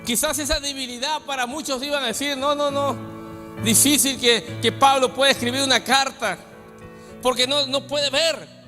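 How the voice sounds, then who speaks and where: A man from Peru preaching a sermon as pastor, with dramatic swings from soft asides to shouting. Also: very high voice, steady tone, moderate pace. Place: church hall. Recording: long church hall reverb with faint music.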